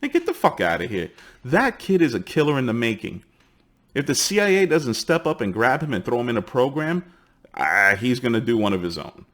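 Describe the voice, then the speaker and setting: A man's voice: medium pitch, very animated, a little fast, fairly bright tone. A man in his forties with a New York accent, from the Bronx, hosting a heated, swear-filled commentary and acting out the people he quotes. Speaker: host. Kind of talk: profane ranting commentary.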